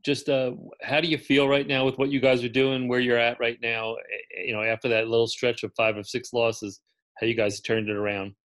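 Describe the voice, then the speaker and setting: A man's voice: medium pitch, little pitch movement, fairly quick, a bit bright. Male reporter with a plain mid voice. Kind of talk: press conference question. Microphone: video call.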